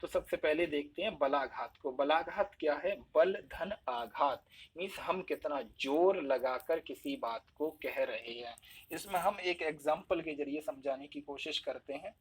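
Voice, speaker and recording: Male teacher, husky and slightly high, patiently explaining and demonstrating examples aloud. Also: a little slow. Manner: explains step by step, acts out examples with shifting stress. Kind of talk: spoken Hindi lesson.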